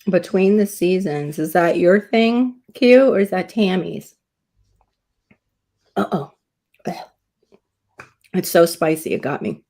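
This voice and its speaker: A woman hosting a relaxed kitchen chat stream, chatty and laughing often, talking to her viewers. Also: fairly low pitch, slow pace, long pauses. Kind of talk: casual chat.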